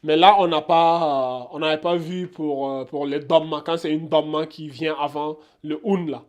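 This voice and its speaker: A man's voice: on the high side, steady tone, moderate pace. A man giving a casual beginner lesson, repeating sounds and often checking that viewers follow. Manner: repetitive, checks understanding often. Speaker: Arabic teacher.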